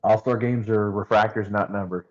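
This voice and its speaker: A man with a fairly low voice co-hosts a live card stream and drops short, opinionated remarks about the players. His sound is a little dull and lo-fi. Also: fairly even intonation, normal speed. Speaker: co-host. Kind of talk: casual live stream chat.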